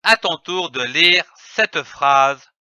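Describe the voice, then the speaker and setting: A man teaching young children to read, sounding out each letter and syllable with slow, deliberate enunciation and patient repetition. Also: a little high, lively intonation, sharp tone, smooth, dry recording, dull audio. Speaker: reading teacher. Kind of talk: reading lesson for young children.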